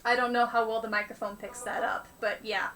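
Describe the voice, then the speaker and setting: A woman chatting casually on a live stream about learning the banjo, talking with quick enthusiasm and muttering to herself between phrases. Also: fairly high pitch, little pitch movement, pushed and bright. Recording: banjo music behind. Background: banjo playing.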